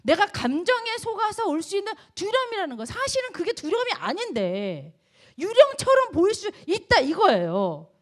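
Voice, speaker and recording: A young woman preaching a sermon to a college group. She asks the listeners questions and acts out loud cries to God. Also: very high-pitched, sing-song, normal speed.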